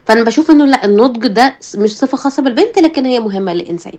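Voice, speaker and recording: A woman's voice: on the high side, animated, racing, dark tone. A woman with an Egyptian Arabic accent, a guest giving her firm opinions in conversation.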